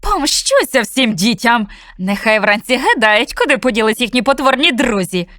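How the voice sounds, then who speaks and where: A spiteful, scheming storybook witch, played by a woman reader, savouring every slow, menacing word. She sits a little high, her pitch swinging widely as she gloats. The sound is close and dry. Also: big pitch swings, pushed and bright, no echo. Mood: gloating.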